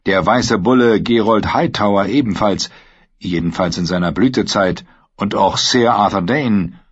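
A man reads an audiobook in a steady, dramatic way. His voice sits on the low side and has a husky grain. The recording sounds dull and lo-fi. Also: a little slow. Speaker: narrator. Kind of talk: audiobook narration.

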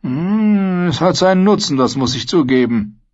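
A man's voice: a little high, animated, moderate pace, darkish tone, voice pushed up. A man doing a scheming, scrawny mercenary. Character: scrawny greedy male mercenary captain. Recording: dull lo-fi recording.

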